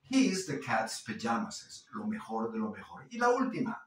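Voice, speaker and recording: A man gives a bilingual language lesson, repeating each phrase slowly and stretching its words. His pitch moves a lot as he models the sounds. He is recorded from a distance in an echoey room. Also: wildly swooping pitch. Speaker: English teacher.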